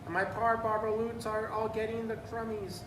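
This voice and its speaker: A man's voice: little pitch movement, moderate pace, lightly acted. A man voicing an indignant, scolding little storybook creature in rhyme, emphatic and complaining. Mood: indignant, pleading. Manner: loud, emphatic, pleading and complaining. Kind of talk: storybook read-aloud in rhyme. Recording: roomy, distant mic, noisy with rumble.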